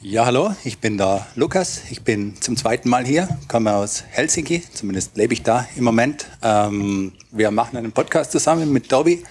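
A man introducing himself as a podcaster at a workshop, calm and matter-of-fact, in a large seminar room. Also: medium pitch, normal speed, hardly any pauses, breathy edge. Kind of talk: self-introduction.

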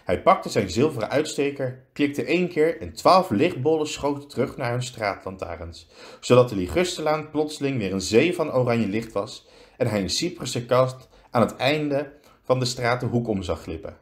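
A male teacher reading a children's story aloud with lots of expression. He stretches words out for effect and keeps a medium pitch. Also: expressive, moderate pace.

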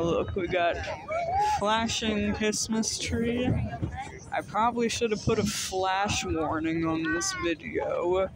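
A man vlogging outdoors at night on a hay wagon ride, narrating in a dry, deadpan, mock-enthusiastic way into a phone camera. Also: sits high. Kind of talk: casual sarcastic narration. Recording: vehicle noise outdoors.

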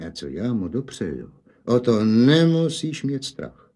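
A man voicing a gruff, irritable farmer father with a Hanák dialect, loud and scolding. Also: medium pitch, sing-song. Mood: angry scolding.

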